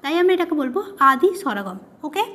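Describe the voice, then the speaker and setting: A woman's voice: high voice, very animated, fast talker, bright, forceful tone. A woman teacher giving a grammar lesson, who asks questions and answers them herself, repeating each key term.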